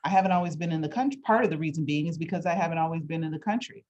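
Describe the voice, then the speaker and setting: Casting: woman interviewer, slightly low voice, reflective, halting, conversational explanations. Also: a little mellow, lo-fi sound.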